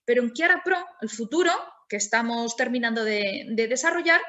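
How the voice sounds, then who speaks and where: A woman presents a webinar over a video call. Her voice sits fairly high. She explains step by step, often restarting her phrases. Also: animated, fairly quick, bright, forceful tone.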